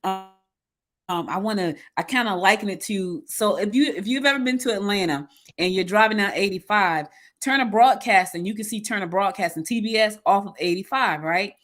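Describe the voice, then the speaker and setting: A woman hosting a casual interview, telling her own stories in an animated way with frequent restarts. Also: medium pitch, a little fast, faint music behind. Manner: animated storyteller, many restarts. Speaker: interview host.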